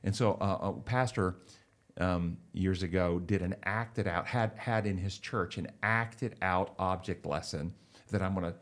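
A man speaking as a counselor, explaining ideas in a measured, earnest way and telling illustrative stories. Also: low voice. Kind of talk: conversational explanation.

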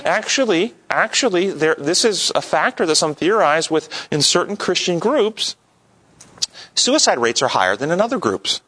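A man's voice: sits high, very animated, normal speed, sharp tone, breathy edge. A man leading an interactive Bible lesson, talking conversationally and putting questions to his audience. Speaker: Bible study teacher.

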